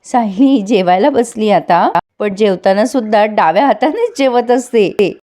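A woman's voice: mid-range voice, lively intonation, a little slow, warm tone. A woman hosting a casual episode recap, telling the story in a storytelling way and speaking straight to her viewers. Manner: storytelling, addresses viewers directly. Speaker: serial recap host.

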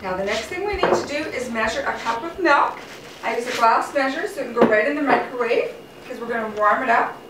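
A middle-aged woman with a higher voice speaks briskly as she hosts a casual cooking show at home. She chats through the recipe step by step in her indoor kitchen. The recording comes from a camera mic a few metres off and sounds distant and roomy, with loud clatter and noise.

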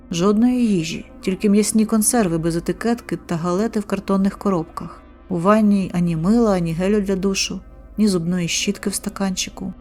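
A woman narrates a first-person horror story. She reads in short, clipped sentences with a tense, steady delivery. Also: mid-range voice.

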